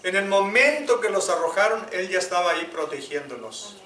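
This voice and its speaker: A man preaching a sermon as pastor, moving between loud appeals and hushed prayer. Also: high-pitched, expressive, brisk. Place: church sanctuary. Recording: echoey church room, mic at a distance.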